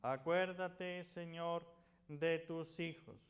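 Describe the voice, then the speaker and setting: Male priest, notably high voice, delivering formal Mass prayers. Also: fairly even intonation, slow pace. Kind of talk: liturgical prayer recitation.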